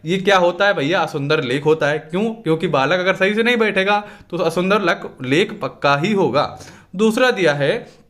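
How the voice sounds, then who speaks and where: Bright, high-voiced man tutoring exam questions. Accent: Hindi. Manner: conversational, repeatedly asks and answers own questions. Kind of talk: exam revision lesson.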